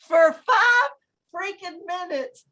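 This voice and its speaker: A woman with a high, bright voice tells funny stories over a video call. She is animated, laughs often and puts her own thoughts into a squeaky high voice. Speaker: guest telling stories. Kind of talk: casual storytelling on a video call.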